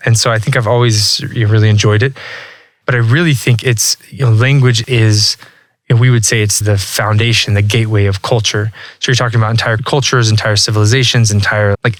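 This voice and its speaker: Guesting on a podcast for a casual interview, a man from Texas in his thirties who runs a language learning business speaks relaxedly and reflectively, frequently restarting his sentences and leaning on "like." His voice sits on the low side, and there's no room sound.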